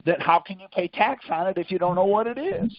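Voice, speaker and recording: A man with a high, expressive voice leads a group conference call as a teacher, speaking briskly. He coaches Socratically, pressing his listener with question after question. The call audio is muffled and lo-fi.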